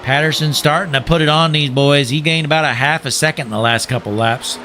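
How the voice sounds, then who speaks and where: A man's voice: on the high side, fairly quick, pushed and bright, slight background noise. A young man giving folksy play-by-play commentary on a sim race, joking and calling to "folks", while losing his voice.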